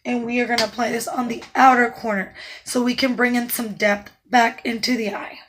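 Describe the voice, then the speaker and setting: A makeup artist talks at normal speed through a tutorial on a low-quality recording, her tone calm and instructive. Naturally raspy and a bit high, her voice is hoarse and keeps cutting out, and now and then she adds soft asides while working.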